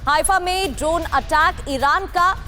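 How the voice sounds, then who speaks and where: High-voiced woman reading news headlines. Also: a little slow, bright, forceful tone, faint music behind. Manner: crisp bulletin delivery of headlines. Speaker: newsreader.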